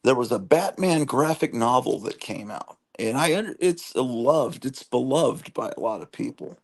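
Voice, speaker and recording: A man's voice: mid-range voice, animated, moderate pace. A man in his fifties hosting a casual livestream, rambling and reading viewer chat aloud with a self-deprecating manner. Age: 50s. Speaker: comic collecting livestream host.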